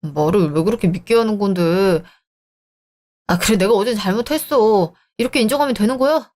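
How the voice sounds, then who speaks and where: A woman's voice: medium pitch, brisk, a little mellow, close to an everyday voice. A woman voicing a selfish young married man who talks in a dismissive, irritated way, in a dramatized story. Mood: scornful.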